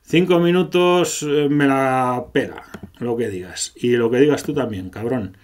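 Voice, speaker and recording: A man's voice: mid-range voice, unhurried, a little mellow. Male game commentator; irreverent, sarcastic reads of dialogue. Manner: sarcastic, irreverent, swears freely. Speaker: gameplay commentator. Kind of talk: gameplay commentary, reading and parodying dialogue.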